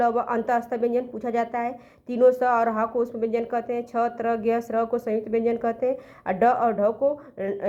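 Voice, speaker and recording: High-voiced woman teaching exam grammar. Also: a little mellow. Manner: explains step by step, asks and answers own questions; self-corrects, counts letters aloud slowly. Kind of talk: exam-prep grammar lesson.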